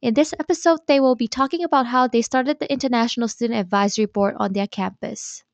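A woman hosting an interview podcast, reading a scripted intro in a measured, polite way. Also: fairly high pitch, vocal fry. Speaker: podcast host.

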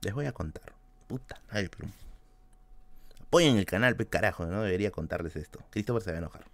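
A man with a Peruvian Spanish accent, hosting a book channel and telling a story in casual talk, switching between loud bursts and hushed asides and swearing freely. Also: fairly low pitch, lively intonation, brisk, dry recording. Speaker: book-collecting channel host.

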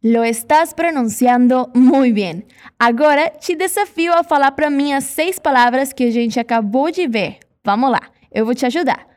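A Brazilian woman teaching Spanish pronunciation in a scripted lesson, saying model words slowly for repetition. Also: high-pitched.

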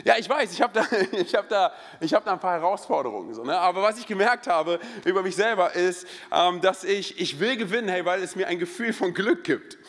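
A man in his thirties preaching a sermon in a church, energetic and joking, telling personal stories with many interjections. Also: high-pitched, brisk, hardly any pauses. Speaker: pastor. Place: church hall. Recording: long hall reverb.

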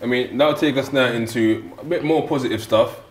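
A man's voice: mid-range voice, fairly quick, slight background noise. A man with a London accent interviewing in a casual chat, often repeating and circling back on his phrases. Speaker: podcast interviewer. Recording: roomy echo.

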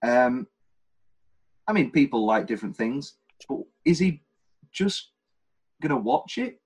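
Husky british guy rambling on a film podcast, jokey, keeps cracking himself up. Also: mid-range voice, sing-song, a little slow, darkish tone, rough recording. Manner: rambling, jokey, quotes scenes in funny voices. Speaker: podcast host. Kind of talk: casual film podcast chat.

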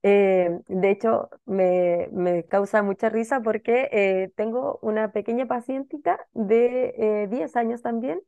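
A woman psychologist speaks in a gravelly, mellow voice. She talks thoughtfully, filling pauses and often checking in with the listener. The recording is dry and a little muffled. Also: a little high, no echo. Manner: thoughtful, many fillers and checking "¿ya?". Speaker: child and adolescent psychologist. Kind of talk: advice talk answering a listener question.

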